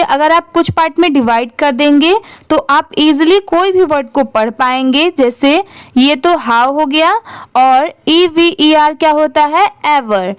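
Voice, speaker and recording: A woman's voice: high-pitched, no room sound, studio quality. A woman teaching English reading, spelling words out letter by letter and then asking how each one is read. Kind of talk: slow spelling-out lesson.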